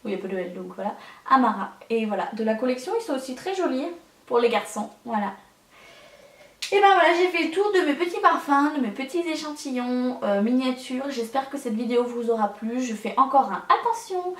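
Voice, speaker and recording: A woman's voice: high voice, lively intonation, brisk, recorded from a distance. Young woman, casual vlog, hesitant chatter, roomy echo. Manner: chatty, hesitant with many fillers. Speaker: beauty vlogger. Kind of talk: casual vlog showing a collection.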